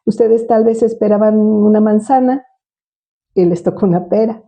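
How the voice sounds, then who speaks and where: Older mexican lady, dark raspy-ish voice, telling old stories, laughs a lot. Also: mid-range voice, normal speed. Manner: warm reminiscing, laughs often. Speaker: guest, retired special education teacher. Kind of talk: storytelling in an interview.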